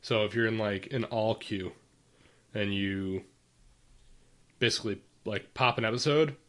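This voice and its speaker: A man's voice: lowish voice, measured pace, fairly bright tone. A man co-hosting a podcast in casual chat, stating firm opinions and arguing his points. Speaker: podcast co-host.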